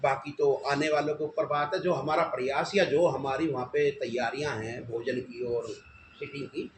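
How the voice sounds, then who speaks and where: A man's voice: mid-range voice, steady tone, normal speed. A man organizing a religious festival, answering reporters' questions at a press conference in an earnest, insistent way. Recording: echoey room with background noise.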